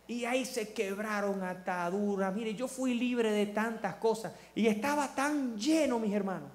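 A man's voice: sits high, unhurried, roomy sound. A man giving a fervent church testimony, calling the congregation his brothers.

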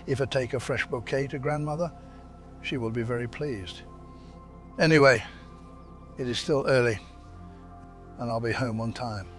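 A man's voice: medium pitch, normal speed, long pauses, fairly bright tone, faint music behind, close to an everyday voice. A man putting on an innocent little girl. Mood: cheerful. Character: little girl in a red cap, innocent and trusting.

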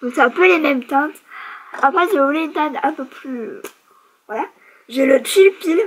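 A woman's voice: high voice, expressive, moderate pace, rough recording. A young woman vlogger chatting casually through a beauty product review, chatty and self-mocking, with lots of fillers.

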